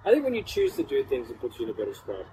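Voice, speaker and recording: Sitting cold in an ice bath, a man rambles informally during a casual podcast chat. His medium-pitched voice swoops wildly and moves very fast, with a clearly noisy hum in the background.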